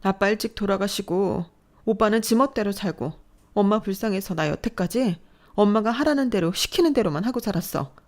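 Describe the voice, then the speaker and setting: A woman's voice: mid-range voice, fairly quick, voice pushed up, lightly acted. A woman voicing a distressed young adult daughter who pleads and lashes out at her mother in a dramatized story. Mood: distraught. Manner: pleading, tearful outbursts.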